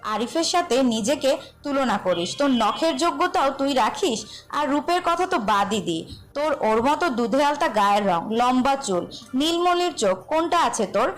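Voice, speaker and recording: A woman's voice: high-pitched, animated, normal speed. A woman voicing a harsh, scornful young husband who scolds and belittles, over background music.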